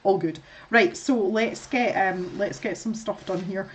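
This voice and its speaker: A woman's voice: mid-range voice, a little slow, a little hiss or hum. A middle-aged woman with a Scottish accent chatting casually to viewers while she colours, rambling and laughing often. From Scotland. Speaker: art streamer.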